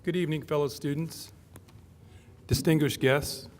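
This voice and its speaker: Young male student reciter, fairly high voice, formal verse delivery, roomy hall sound. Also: fairly even intonation, normal speed. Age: young adult. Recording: live in a reverberant hall.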